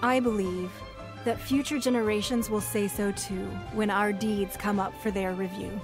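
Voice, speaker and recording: A poised, authoritative stateswoman, voiced by a woman in a video game, speaking in composed, formal sentences at a mid pitch. Game music plays clearly behind her. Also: steady tone, normal speed, close to an everyday voice.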